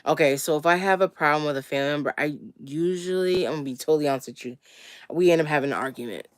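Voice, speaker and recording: A woman's voice: low voice, quick pace, no room sound, studio quality. A slightly wheezy woman getting over a cold, chatting casually as she hosts a question-and-answer livestream in a laid-back manner. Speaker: livestream host.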